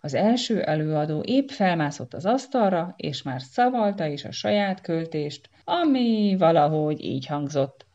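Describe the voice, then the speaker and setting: A woman reads a storybook aloud with lively expression, her voice low-pitched and mellow. The recording sounds dull and lo-fi. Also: few pauses. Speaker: narrator. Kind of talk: storybook reading.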